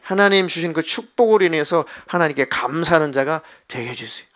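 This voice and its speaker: A middle-aged man preaching from the pulpit with a fairly high voice. He talks plainly and directly, as if chatting with his congregation, and slips into quick spoken dialogue to make his point. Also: expressive, a bit bright. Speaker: pastor. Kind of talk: Wednesday evening sermon.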